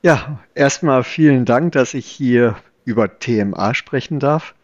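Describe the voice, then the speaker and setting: A middle-aged German chief physician in nephrology, born in the Palatinate and raised in Berlin, explains his work as a guest on a conversational podcast, hesitating often. His voice is medium-pitched and a little slow, with no room sound, and the remote recording is dull and dry.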